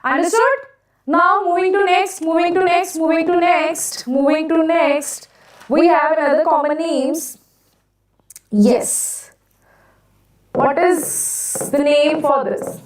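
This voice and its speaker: A woman's voice: very high-pitched, fairly even intonation, unhurried. A woman with an Indian accent teaching a live exam-prep lesson, repeating phrases and questioning students, in a big echoing hall sound. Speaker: online chemistry teacher. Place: echoing classroom, voice far from mic. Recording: echoey room, big hall echo, distant mic.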